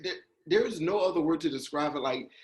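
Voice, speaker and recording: Young male interviewer, higher voice, earnest and moved. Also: expressive, brisk, a little mellow. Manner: moved, gropes for words. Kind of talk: conversational interview.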